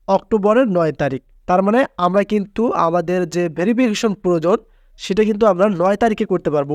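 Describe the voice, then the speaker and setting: A man with a notably high voice leads a screen-recorded app tutorial in an insistent, repetitive way. The recording is close and dry, with no room sound behind him. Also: darkish tone, no room sound. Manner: insistent, repeats filler words for emphasis. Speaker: tutorial channel host.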